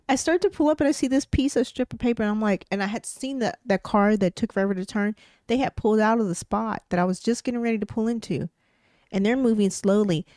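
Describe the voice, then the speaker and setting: A woman co-hosting a podcast, telling a story in casual chat, animated and swearing as she vents her exasperation. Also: a little high, no room sound, studio quality. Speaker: podcast co-host.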